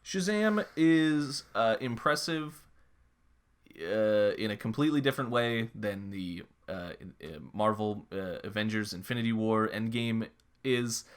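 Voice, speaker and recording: A man in his twenties co-hosting a podcast, chatting casually with quick laughs and some swearing. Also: lowish voice, expressive, clear, resonant tone. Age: 20s. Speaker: podcast co-host. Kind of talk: casual chat.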